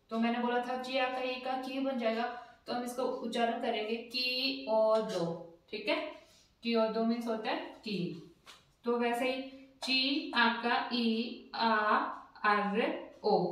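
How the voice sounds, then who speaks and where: Female teacher, casual lesson, slow spelled-out letters and repeated words; slightly high voice, far from the mic, heavy room echo. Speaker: language teacher. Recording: echoey room, voice a bit off-mic.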